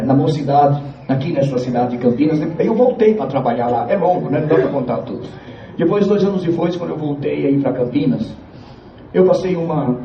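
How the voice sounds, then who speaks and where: A man from Piauí, giving a church testimony to the congregation in an earnest, halting way and repeating his phrases. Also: mid-range voice, slight background noise. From Piauí, Brazil. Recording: echoey, distant, dull church recording.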